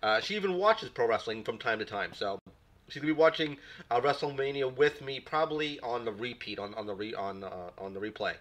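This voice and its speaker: Still shaking off a cold, a man hosts a relaxed live stream through a home desk mic. His medium-pitched voice is bright, forward and brisk as he rambles, repeats words and greets viewers in chat.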